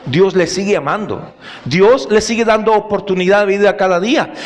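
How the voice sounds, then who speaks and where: A man's voice: sits high, moderate pace. A middle-aged male pastor preaching a sermon, telling anecdotes and putting questions to the congregation.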